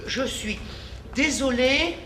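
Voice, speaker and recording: A man's voice: extremely high pitch, slow pace, pushed and bright, slight background noise, full character voice. An actor playing a flamboyant, self-important male showman doctor on stage, grandiloquent and full of stammering theatrical flourishes. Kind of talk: live stage play. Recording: echoey stage recording.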